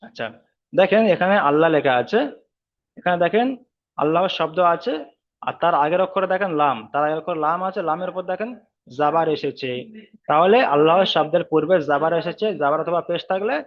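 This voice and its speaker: A man's voice: fairly high pitch, fairly quick, dull audio. A man teaching Quran reading in an online class, explaining each rule step by step, repeating it, and drawing out the recited example words.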